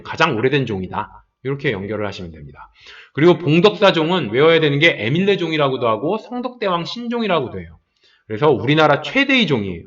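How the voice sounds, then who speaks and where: A man teaching a history exam-prep lecture, his voice rising and falling in a lively way as he explains points and acts out quick bits of dialogue. He sits slightly high for a man. The sound is dull and a little distant from the mic.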